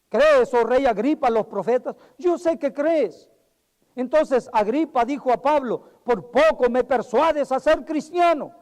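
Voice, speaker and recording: A pastor preaching a dramatic sermon, swinging between loud exclamations and hushed warnings. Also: male voice, sits high, long reverb tail. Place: church sanctuary.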